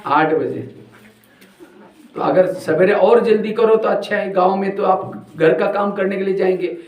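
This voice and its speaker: A man's voice: sits high, unhurried, echoey room, low-quality recording. A man giving a spiritual talk to a village congregation, telling plain stories and asking the audience questions. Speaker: spiritual teacher.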